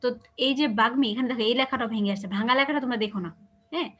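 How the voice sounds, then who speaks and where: A woman teacher with a Bangladeshi Bengali accent leads an online class. Her voice sits high and she talks quickly. She explains step by step and keeps asking her students if they understand. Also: a bit bright. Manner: explains patiently, asks checking questions.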